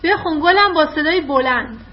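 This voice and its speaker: Brief: female teacher on a video call, higher-pitched, warmly praising, lo-fi dull sound. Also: lively intonation, slight background noise. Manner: encouraging, quick to praise. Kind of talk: online class, coaching children to read aloud. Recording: dull lo-fi online call audio.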